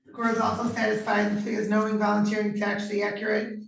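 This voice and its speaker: A woman judge conducting formal court proceedings in measured, procedural questions, heard on a courtroom recording. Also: medium pitch, monotone, gravelly. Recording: roomy courtroom audio from a distant mic.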